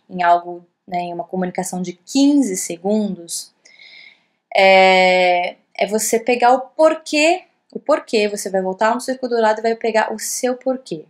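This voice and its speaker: Chatty woman teaching over slides. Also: medium pitch. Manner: conversational, many fillers and restarts. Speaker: course instructor. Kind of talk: casual online lesson over slides. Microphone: voice-over on screen recording.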